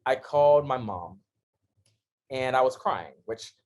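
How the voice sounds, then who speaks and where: Here a man in his thirties is a podcast guest, telling his story casually while laughing often and swinging from excitement to quiet earnestness. He talks unhurriedly in a mid-range voice captured by a podcast microphone.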